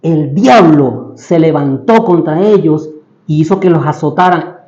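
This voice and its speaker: A man's voice: fairly high pitch, unhurried, darkish tone. A man preaching a sermon who asks his listeners rhetorical questions and acts out the lines of biblical characters. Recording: echoey, dull lo-fi room.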